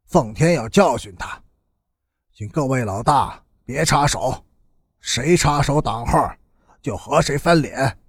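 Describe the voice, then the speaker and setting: Narrator guy voicing a serious messenger for an audiobook, measured, husky and slow. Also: medium pitch, animated, dry recording, pitched below the performer's own voice, heavily acted. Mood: grave. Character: grave male messenger and bodyguard.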